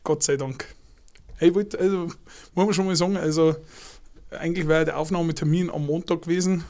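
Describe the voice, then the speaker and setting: A man's voice: fairly high pitch, fairly even intonation, brisk, darkish tone. Hesitant man hosting a podcast. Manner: hesitant, many fillers and restarts. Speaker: podcast host. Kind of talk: casual interview chat.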